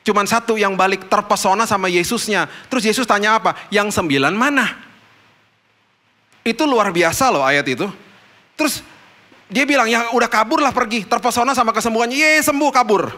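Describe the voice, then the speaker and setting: Lively pastor preaching with bright voice. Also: male voice, a little fast. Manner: storytelling sermon, acting out dialogue with big swings in pitch. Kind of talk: sermon.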